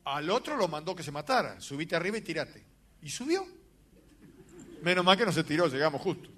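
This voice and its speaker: A man, a pastor telling a dramatic story in a sermon with sudden loud outbursts. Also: a little high, very animated, fairly quick, slight background noise.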